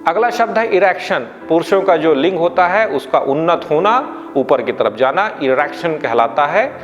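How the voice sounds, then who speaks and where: A man with an Indian accent leads an English vocabulary lesson in a fairly high voice, lifting his pitch to announce each word and sinking low to recap. He spells words letter by letter and corrects how they are said. The recording is dull and washed in long reverb, with faint music underneath. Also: animated, normal speed. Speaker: English teacher.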